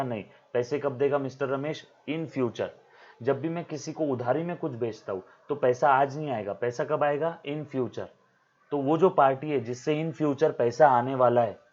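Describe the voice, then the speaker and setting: Man teaching accounting. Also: medium pitch. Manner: explains by repeating key terms, asks rhetorical questions; talks to students as to his own children. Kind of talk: recorded classroom lecture. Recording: dull lo-fi lecture recording.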